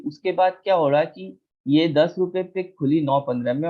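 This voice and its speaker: A man teaching a chart lesson, patient, repeating key terms and asking if anyone is confused. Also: on the high side. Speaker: trading teacher. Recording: tinny phone-like audio.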